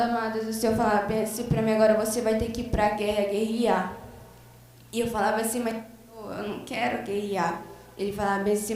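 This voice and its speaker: A Brazilian woman with a Brazilian Portuguese accent giving a fervent church testimony, retelling a vision full of quoted lines. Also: on the high side. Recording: very echoey church, voice far from the mic.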